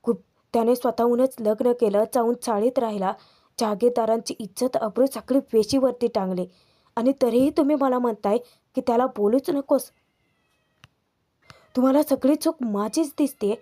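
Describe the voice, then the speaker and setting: A woman's voice: a little high, normal speed, lightly acted. A woman reading a scolding, spiteful mother-in-law. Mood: aggrieved. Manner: scolding, accusing, rising to shouting. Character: angry domineering middle-aged mother-in-law.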